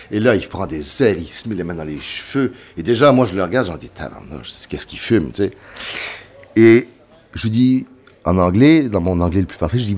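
A middle-aged man with a Quebec French accent, a pianist telling a lively anecdote over a meal and voicing the people in it. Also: sits low, husky. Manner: lively storyteller, voices other people in the story. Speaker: pianist guest.

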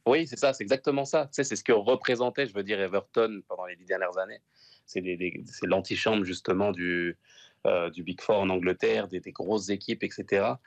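A man talks soccer in an easy panel chat, weighing his words with small fillers. His voice sits low. The studio sound is dry. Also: fairly even intonation, dry recording. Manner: measured, thoughtful, drops fillers. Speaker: soccer analyst, former player. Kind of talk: casual panel talk.

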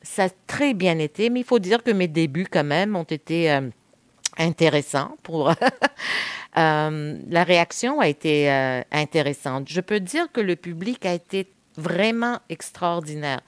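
A woman in her fifties from Quebec, a native Spanish speaker, reflects candidly on her career as an interview guest. Her voice sits low for a woman, and it sounds dry and close, with no room echo. She pauses often on hesitant "euh"s. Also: expressive. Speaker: guest, veteran TV host.

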